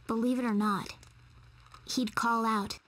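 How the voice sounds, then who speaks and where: A woman reading a story narration in a measured, storytelling voice. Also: fairly high pitch, steady tone, fairly bright tone, rough recording.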